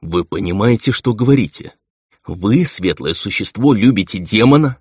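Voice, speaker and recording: A man plays a brooding half-demon envoy in an audiobook, low-voiced and stern. He speaks harshly and insistently. The recording is dull, lo-fi and completely dry. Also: expressive, moderate pace, a little mellow, breathy edge, no echo.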